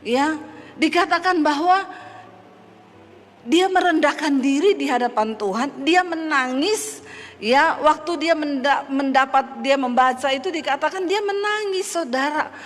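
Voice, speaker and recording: High-voiced woman preaching in a hall. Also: a little slow. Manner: preaching with call-and-response and playful asides. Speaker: pastor. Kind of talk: sermon.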